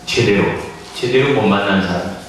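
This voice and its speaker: A man's voice: fairly low pitch, normal speed, far from the mic, slight background noise. A male pastor preaching a Christmas sermon in a church, emphatic and full of rhetorical questions to the congregation. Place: church sanctuary. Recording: echoey church hall from afar.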